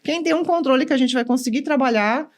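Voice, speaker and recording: A woman volleyball coach chatting in an interview, animated, often acting out what others said and tagging sentences with "né?". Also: high voice, quick pace. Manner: animated, acts out quotes, many "né?" tags. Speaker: volleyball coach, former pro player. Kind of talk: casual interview chat.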